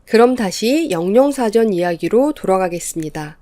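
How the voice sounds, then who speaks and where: Measured woman teaching in a dry, mellow voice. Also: mid-range voice, expressive, dry recording. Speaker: English teacher. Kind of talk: scripted lecture narration.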